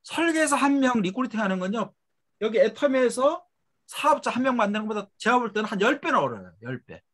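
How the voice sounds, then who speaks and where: A middle-aged man giving a motivational seminar lecture for a network marketing business, talking emphatically with rhetorical questions and letting tag phrases trail off low and quiet. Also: very animated, fast talker.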